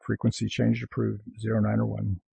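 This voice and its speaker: A man's voice: fairly low pitch, completely flat delivery, brisk, vocal fry, warm tone, low-quality recording. A man speaking as a pilot making radio calls to controllers, somewhat hesitant.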